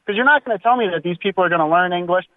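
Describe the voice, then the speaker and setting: A man's voice: high voice, rapid-fire, no room sound. A male caller to a talk radio show, worried and rambling, often restarting his sentences. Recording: tinny phone line.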